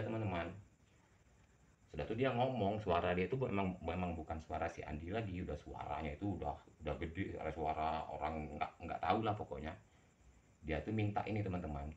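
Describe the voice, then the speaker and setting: Deep-voiced man telling a horror story. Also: dull audio. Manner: addresses listeners as friends, repeats words while telling. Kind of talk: first-person horror storytelling.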